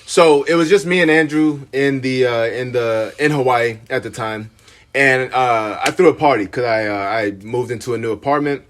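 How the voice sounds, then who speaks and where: A man hosting a casual podcast, his voice sitting mid-range. He talks in a halting, subdued way, full of fillers and restarts. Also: medium pitch, a bit bright, slight background noise. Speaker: podcast host.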